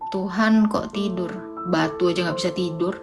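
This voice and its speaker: A woman's voice: lowish voice, steady tone, moderate pace. A woman hosting a casual livestream debate, teasing and mocking viewers with sing-song rhetorical questions. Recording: music playing behind the voice.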